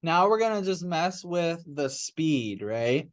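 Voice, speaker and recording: A young male teacher talks a class through an editing program at an unhurried pace. His manner is casual and a bit sheepish, with fillers and quick chuckles. The sound is dry, with no room echo. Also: a little high, big pitch swings. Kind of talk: classroom software tutorial.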